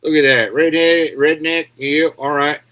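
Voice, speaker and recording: A man riffing on video clips in a loose, crude commentary. His voice sits a little high for a man, and his talk wanders, sarcastic and profane, with a habit of tagging sentences with "yeah?". He sounds like a regular host talking straight to his audience. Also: steady tone, a little slow, highs cut off. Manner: crude, rambling, sarcastic, frequent "yeah?" tags.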